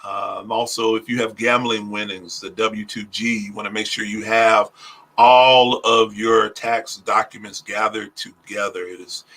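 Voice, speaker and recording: On a phone mic, an Oklahoma man who works as both pastor and tax preparer gives a casual livestream talk about taxes. His lowish, slightly bright voice stays flat as he speaks slowly and deliberately, dropping plenty of "uh" fillers.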